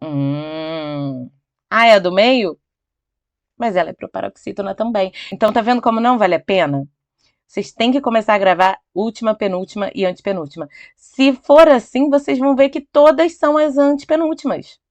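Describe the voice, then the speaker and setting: A middle-aged Brazilian woman teaches Portuguese grammar over slides, stretching out key words slowly for emphasis. She's chatty and checks in with her viewers often, tossing in "tá?" and "ok?". Her voice is a little high and a little mellow, and the recording is dry.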